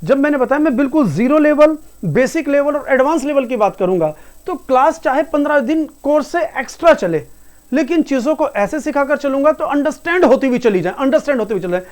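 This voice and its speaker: A man's voice: extremely high pitch, animated, brisk, darkish tone. A male English teacher giving a class lecture, explaining patiently, repeating himself and calling the students "beta".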